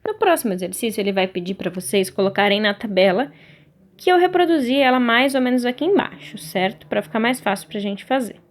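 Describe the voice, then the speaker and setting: Brazilian woman teacher, fairly high voice, patient, lesson-style delivery. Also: expressive. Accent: Brazilian Portuguese. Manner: patient, stretches out key words slowly. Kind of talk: recorded online lesson.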